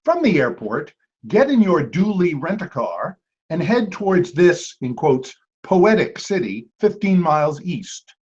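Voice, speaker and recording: A man's voice: fairly high pitch, very animated, a little slow, a little mellow, husky. A man hosting an online trivia game as quizmaster, playful, with jokey asides. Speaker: trivia quiz host. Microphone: video call. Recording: dull lo-fi video call audio.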